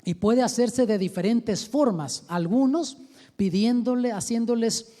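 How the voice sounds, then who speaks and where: A male pastor teaching a seminar, full of questions for his listeners and lively in delivery. His voice is mellow and dark, and a long hall reverb trails every phrase. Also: very high voice, measured pace. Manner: animated, acts out quoted voices, asks the audience questions.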